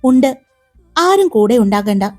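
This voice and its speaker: A woman's voice: high voice, very animated, measured pace, faint music behind, exaggerated voice. A woman voicing a teasing young lover. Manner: playful, commanding, soft.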